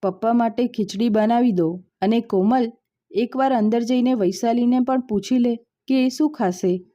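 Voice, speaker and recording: A weary young husband from a storybook, as a woman narrator acts him out. He speaks low and tired, with a dark, mellow tone and a slightly muffled sound. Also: moderate pace, lightly acted. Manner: weary, quiet.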